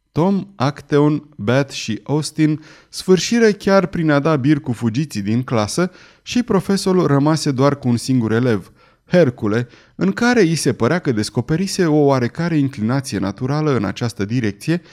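A man narrating an adventure novel audiobook in a measured, expressive reading. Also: medium pitch. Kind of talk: scripted narration.

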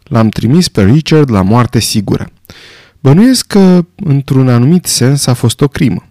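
A man reading the part of an old army general, speaking quietly, gravely and reflectively. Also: medium pitch, expressive, no room sound, clean studio sound, lightly acted. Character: old male army general, calm, weary, haunted.

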